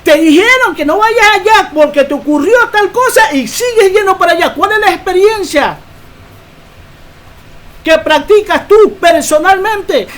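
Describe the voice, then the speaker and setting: A woman preacher giving a Bible teaching sermon, emphatic and quick to ask rhetorical questions. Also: extremely high pitch.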